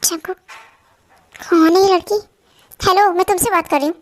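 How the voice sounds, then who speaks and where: A woman voicing a jealous, sharp-tongued young wife in an amateur fan dub, scolding and confrontational. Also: very high voice, fairly even intonation, moderate pace, no echo. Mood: accusing.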